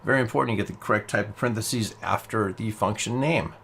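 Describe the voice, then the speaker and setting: A man's voice: fairly low pitch, fast, creaky, a bit bright, slight background noise. A man teaching a beginner programming lesson, explaining patiently step by step while typing along. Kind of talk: screen-recorded coding tutorial.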